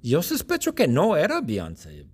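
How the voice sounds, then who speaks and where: A man speaking as a suspicious fellow heading to a meeting, in slow, simple, repeated sentences. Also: on the high side, huge pitch swings, breathy edge, voice pushed up, exaggerated voice. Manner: slow, simple, repetitive storytelling.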